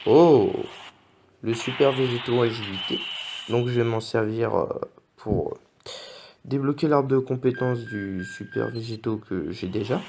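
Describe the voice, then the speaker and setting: A man giving live commentary on his game pulls in an excitable, joking way, often swearing and talking straight to his viewers. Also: mid-range voice. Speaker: gaming video host. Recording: clear background noise.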